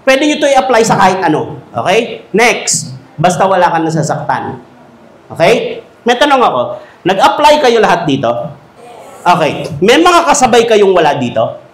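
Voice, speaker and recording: Animated joking man, echoey hall. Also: sits high, moderate pace. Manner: animated, joking, acts out quoted voices. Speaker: speaker at a teachers' seminar. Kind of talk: humorous talk to teachers. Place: school hall with an audience.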